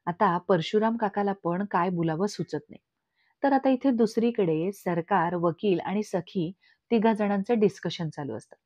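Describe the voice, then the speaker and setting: A woman narrating an episode recap in a steady, explanatory storytelling way. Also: medium pitch, moderate pace, no room sound, studio quality. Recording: dull lo-fi recording.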